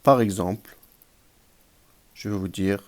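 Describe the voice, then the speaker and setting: A man's voice: fairly low pitch, slow. A man teaching an Arabic grammar lesson, patiently repeating examples and checking in with his listeners.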